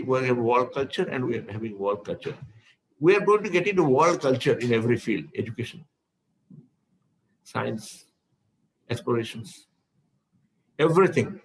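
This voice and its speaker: Indian English man, gravelly mid-range voice, spiritual teacher, rambling and repetitive delivery. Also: mid-range voice, poor audio. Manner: discursive, repeats words while searching. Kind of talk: speaking to devotees in an online session.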